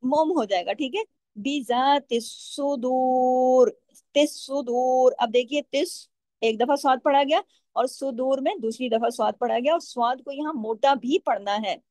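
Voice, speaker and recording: A woman teaching Quran recitation rules step by step, patiently asking questions and answering them herself, and drawing out the recited words slowly. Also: high voice, a little mellow, dry recording. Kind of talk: step-by-step tajweed lesson.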